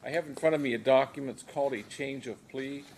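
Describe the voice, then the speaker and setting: An American man speaking as a judge, formally and procedurally questioning a defendant in a measured way with occasional hesitant pauses. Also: medium pitch, darkish tone. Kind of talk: formal plea hearing questioning. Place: courtroom. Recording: noisy courtroom recording.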